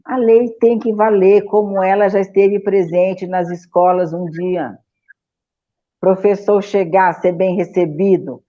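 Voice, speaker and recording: A woman on a talk show panel who speaks forcefully in firm, declarative statements. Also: mid-range voice. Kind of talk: opinionated talk show discussion. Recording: dull, muffled lo-fi sound.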